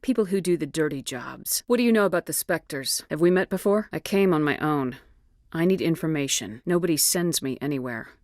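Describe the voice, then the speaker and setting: Resolute, low-pitched female space commander, Shepard. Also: expressive, brisk, a little mellow, no echo, clean studio sound. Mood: determined. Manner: direct, authoritative, controlled delivery. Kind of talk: video game dialogue acting.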